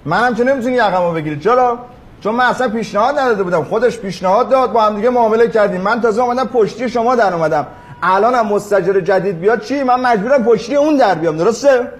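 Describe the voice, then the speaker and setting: A man's voice: high-pitched, lightly acted. An actor playing a slick, evasive property middleman who argues point by point in a sitcom. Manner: slick, evasive, lawyerly ("firstly, secondly"). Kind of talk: sitcom acting.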